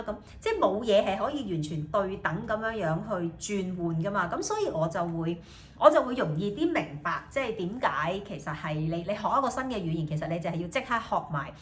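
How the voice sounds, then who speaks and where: In a casual video diary, a young woman from Hong Kong, a student whose native language is Cantonese, talks in a mid-range voice with a Hong Kong accent. She often hesitates and fills pauses, putting each thought in English first and then in Cantonese.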